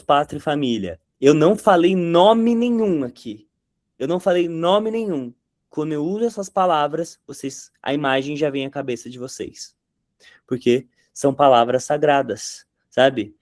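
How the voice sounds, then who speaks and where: A man's voice: a little high, a little mellow, no echo. Man teaching in a dry close sound. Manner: conversational, with quick impressions of catchphrases. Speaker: content creation teacher. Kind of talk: explanatory talk to camera.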